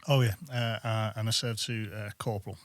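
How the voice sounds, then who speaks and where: Low, flat-voiced Mancunian man. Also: moderate pace, no echo, studio quality. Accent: Manchester. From England. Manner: plain, hesitant, with fillers. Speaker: army veteran guest. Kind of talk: casual interview answers.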